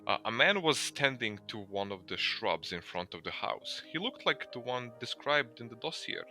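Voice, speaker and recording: Man narrating game text, very bright tone, lively pitch, expressive reading. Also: normal speed, soft background music. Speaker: narrator of a game's story.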